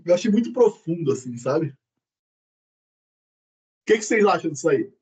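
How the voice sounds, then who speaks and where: High-voiced man, chatty storyteller. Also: normal speed, slightly rough. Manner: animated storyteller, chatty, laughs while telling. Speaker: prayer group member. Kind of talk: casual chat.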